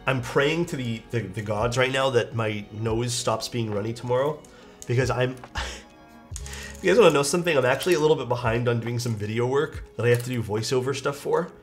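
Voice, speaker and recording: A young man with a stuffed-up nose and nasal voice chats on a live stream while building a keyboard and reading chat aloud. His mid-range voice moves briskly over soft background music.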